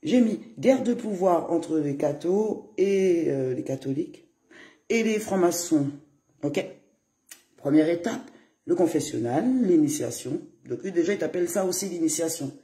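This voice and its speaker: Man, high mellow voice, loose chatty live-stream rambling in an echoey room. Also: animated, unhurried. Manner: rambling, chatty, laughs often, greets viewers. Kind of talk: casual live-stream monologue. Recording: roomy echo.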